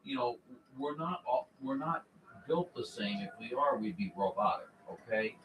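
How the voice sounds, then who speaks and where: A man's voice: medium pitch, lively intonation, normal speed. A man from southern Missouri chatting casually as a ham radio operator, rambling with lots of "you know" fillers, heard through a mistuned sideband signal. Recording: noisy, echoey, distant radio reception.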